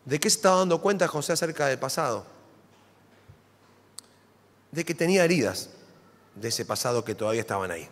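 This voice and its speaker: Argentine male pastor, dramatic sermon delivery, lively pitch, reverberant sanctuary. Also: fairly quick, long pauses. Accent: Argentine Spanish. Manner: dramatic, animated preaching with rhetorical questions. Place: church sanctuary. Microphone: stage microphone. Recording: long church hall reverb.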